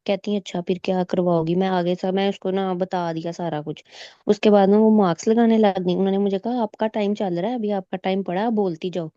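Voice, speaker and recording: A woman's voice: mid-range voice, brisk, no echo, muffled recording. A woman recounting her medical exam in casual storytelling, quoting examiners and switching into English medical terms, heard over a video call. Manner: animated retelling, quoting examiners and herself. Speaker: exam candidate sharing her experience. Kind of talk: casual storytelling in a recorded meet.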